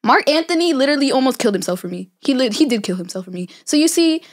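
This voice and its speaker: A woman's voice: sits high, expressive, very fast. A young woman playing Cleopatra as a brash, boastful Egyptian queen who talks in modern slang and drawls her points. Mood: sassy. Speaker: student playing an interviewee. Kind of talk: school project role-play interview.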